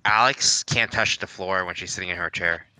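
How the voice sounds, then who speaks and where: A man's voice: deep voice, normal speed, bright, forceful tone, no echo, soft background music, low-quality recording. A man friend on the stream, chatting casually and teasing with laughs. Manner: teasing, laughing while talking. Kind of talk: casual chat.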